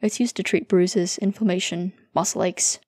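A woman voicing a composed, formal male psychiatrist who speaks in precise, measured sentences. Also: fairly low pitch, fairly even intonation, a little mellow, dry recording, studio quality, natural voice.

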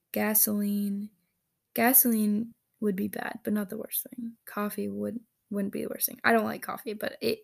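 A woman vlogging on her own, reading answers aloud and reacting with giggles and quick asides. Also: mid-range voice, vocal fry. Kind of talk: casual solo chat.

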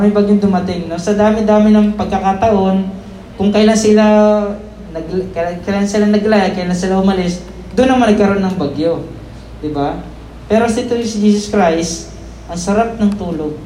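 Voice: medium pitch, normal speed, dark tone, slight background noise. Chatty preacher in an echoey room. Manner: tags nearly every phrase with "no?" and "di ba?"; stumbles, self-corrects and laughs at own slips. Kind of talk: conversational Sunday sermon.

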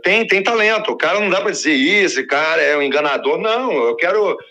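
In a long, slangy personal anecdote, a man with a voice on the high side speaks a little fast. He keeps it animated, acting out the quoted voices of the people involved.

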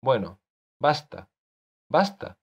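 A man's voice: lowish voice, lively intonation, measured pace, slightly rough. A man voicing an exasperated scolding author in a storybook. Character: irritable older male author scolding his creation. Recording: dull lo-fi recording.

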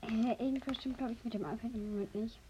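A woman's voice: fairly high pitch, steady tone, quick pace. A young girl co-hosting, talking in a casual, everyday chatting style. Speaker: co-host of a kids' challenge show. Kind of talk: casual chat. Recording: dull, slightly noisy home recording.

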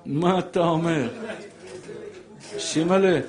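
Animated rabbi with a fairly high voice. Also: male voice. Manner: emotional, animated storyteller who questions the audience. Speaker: rabbi giving a Torah class. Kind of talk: lively religious lesson to a live audience.

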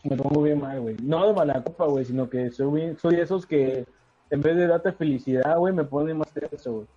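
A man's voice: fairly high pitch, brisk, dark tone, breathy edge. Slangy Mexican guy, dull lo-fi sound. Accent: Mexican Spanish. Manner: slangy, says "güey" constantly. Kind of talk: casual chat. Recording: dull lo-fi call audio.

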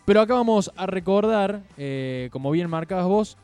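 A man's voice: sits high, expressive, moderate pace, darkish tone, clear, resonant tone, soft background music. A man with an Argentine accent chatting casually about football as a show's co-host. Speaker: sports show co-host.

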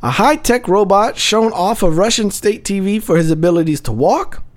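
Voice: mid-range voice, moderate pace. A podcast co-host, reading a news story aloud in casual banter and breaking into jokes and laughter. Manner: reads a news story aloud with joking asides; animated, laughs through the telling.

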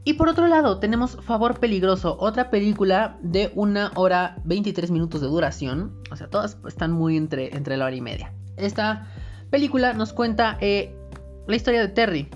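A woman's voice: medium pitch, lively intonation, moderate pace. A woman host presenting recommendations in a semi-scripted, chatty and emphatic way, with informal asides. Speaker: host recommending movies and series. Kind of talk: casual scripted review, listing recommendations. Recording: dull lo-fi audio with background music. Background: music.

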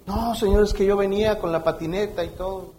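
Frightened boy begging quickly, high-pitched , voiced by a man. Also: fairly even intonation, darkish tone, a little hiss or hum, lightly acted. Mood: pleading. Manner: pleading, rushed. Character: frightened young boy pleading.

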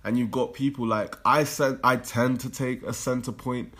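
A young man in a casual debate, explaining his view in a halting, informal way. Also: mid-range voice, steady tone, fairly bright tone.

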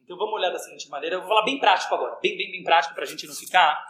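A man, a rabbi giving a lively religious lesson to a live audience and often asking them questions. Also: high voice, very fast. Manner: animated, questions the listeners. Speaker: rabbi teaching a class. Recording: echoey room.

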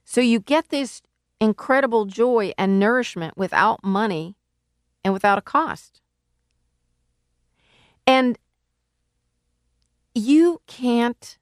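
A woman's voice: fairly high pitch, no room sound, studio quality. A woman preaching a sermon in an earnest, emphatic way, working through scripture. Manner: earnest, emphatic, rises to calling out. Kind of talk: sermon teaching.

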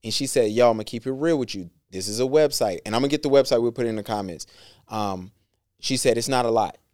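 Casting: easygoing male podcast co-host, smooth resonant tone, close dry mic. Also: medium pitch, fast, no echo. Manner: laid-back slang, frequent "um" and shout-outs. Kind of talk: casual podcast chat.

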